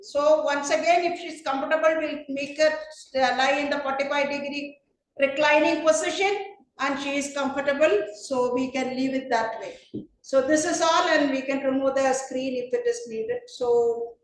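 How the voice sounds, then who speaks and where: A woman's voice: high-pitched, heavy reverb, rough recording. A woman doctor teaching a procedure over a video call, walking through each step and repeating what is important. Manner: instructive, stresses key points with repetition. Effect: heard over a video call. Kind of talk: webinar teaching demonstration.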